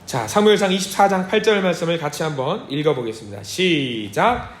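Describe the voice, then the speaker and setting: A man preaching a sermon as pastor, lively and theatrical, acting out the Bible figures with shouts and hushed asides. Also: on the high side, fairly quick, slight background noise. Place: church sanctuary. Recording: echoey church sound.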